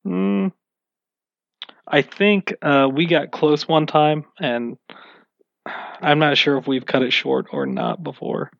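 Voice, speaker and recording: A man's voice: fairly high pitch, big pitch swings, takes it slowly, gravelly, pauses often, fairly bright tone, dry recording, highs cut off. A man being interviewed about running tabletop games, answering in a casual, rambling and self-mocking way. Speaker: game master being interviewed.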